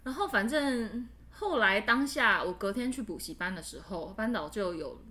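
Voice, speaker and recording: A woman's voice: mid-range voice, lively intonation, moderate pace, sharp tone. A woman, co-hosting a podcast and candidly recounting a personal story in casual chat. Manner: candid, laughs while telling a frightening story. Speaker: podcast co-host.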